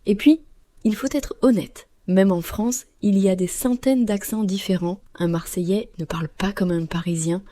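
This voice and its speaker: A woman co-hosting a learners' podcast, speaking clearly and slowly like a teacher. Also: medium pitch, warm tone, no room sound. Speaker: podcast co-host. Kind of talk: scripted podcast dialogue for learners.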